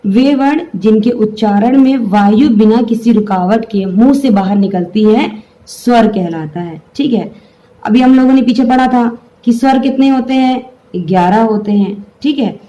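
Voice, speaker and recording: A woman's voice: a little high, normal speed, dark tone, muffled recording. A woman teaching a grammar lesson, explaining step by step and having the class say the sounds aloud.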